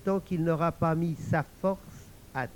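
A sly old devil, as a male storyteller puts him on, confides his schemes slowly and deliberately. His voice is close to the reader's own, with a knowing edge. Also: a little high, fairly even intonation, a little hiss or hum, close to an everyday voice, poor audio. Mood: scheming.

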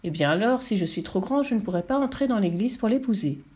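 A woman's voice: medium pitch, animated, fast, dark tone, breathy edge. A woman voicing a huge, naive and polite male giant who is desperate to marry, speaking earnestly in a storybook reading. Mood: earnest pleading. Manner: earnest, pleading, sometimes desperate.

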